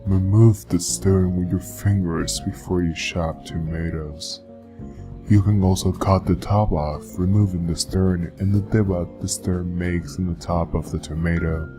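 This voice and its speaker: A man putting on a seductive, muffled voice to read a how-to guide, slow and low like a smooth purr. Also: steady tone, music in the background. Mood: sultry. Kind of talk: scripted how-to reading in a put-on voice.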